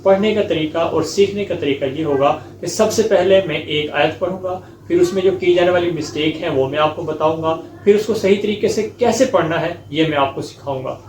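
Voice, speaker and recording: A high-voiced man teaches Quran recitation one verse at a time, stopping often to check that his learners follow. He explains each common mistake, then chants the verse slowly and melodically. The recording sounds echoey, with a faint hiss underneath. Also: a little mellow. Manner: repeats "ٹھیک ہے؟" to check understanding. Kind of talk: step-by-step recitation lesson.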